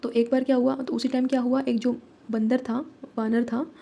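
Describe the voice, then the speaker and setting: A woman's voice: on the high side, flat delivery, creaky, dark tone, slightly rough. A woman with an Indian accent who teaches a lesson, mixing Hindi and English, repeating herself and asking rhetorical questions. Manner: explains slowly and repeats, asks rhetorical questions. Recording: dull lo-fi recording.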